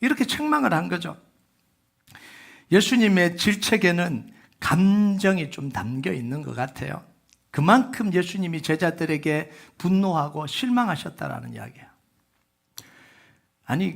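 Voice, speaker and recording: A male pastor preaching a Sunday sermon in a church, talking to his congregation like a conversation. His voice sits high for a man and has a gravelly edge. He keeps asking rhetorical questions and calls on the room to read scripture with him. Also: a bit bright. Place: church sanctuary.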